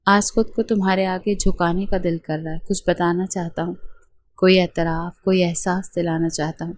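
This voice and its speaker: A woman's voice: lowish voice, flat delivery, a little mellow, lightly acted. A woman voicing a young husband earnestly confessing his love to his wife in a storybook reading. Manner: earnest, heartfelt.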